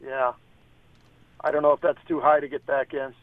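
A man's voice: mid-range voice, flat delivery, normal speed, dry recording. A man calling in to a radio show over the phone, hesitant and full of fillers. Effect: heard over the phone. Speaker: caller. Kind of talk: casual call-in question. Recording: tinny phone line.

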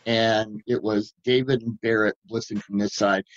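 A man co-hosting a sports podcast, talking in an excitable, rambling way about football tactics. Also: lowish voice. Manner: excitable, rambling, quick to laugh. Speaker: podcast co-host, football writer. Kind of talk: casual podcast chat. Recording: dull lo-fi audio.

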